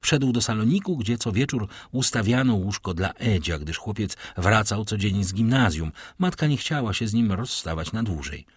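A man narrating an audiobook in an expressive, dramatic way. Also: lowish voice, normal speed, hardly any pauses, breathy edge, no echo. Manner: expressive, lively storytelling.

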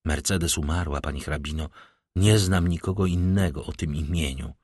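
A man voicing a middle-aged, vengeful nobleman who speaks with icy calm and bitter irony. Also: very deep voice, moderate pace, no room sound, studio quality, pitched below the performer's own voice.

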